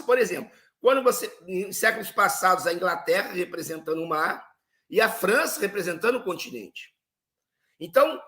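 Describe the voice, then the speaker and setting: Bright high-pitched male lecturer. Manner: explanatory, poses rhetorical questions and answers them. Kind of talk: lecture on history and geopolitics.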